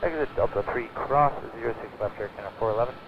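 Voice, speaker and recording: A man's voice: medium pitch, quick pace. Male pilot on a cockpit headset radio. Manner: clipped, terse readbacks. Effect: pilot's cockpit headset heard over aviation radio. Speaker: airline pilot. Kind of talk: radio readback to the control tower. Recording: muffled radio transmission with static.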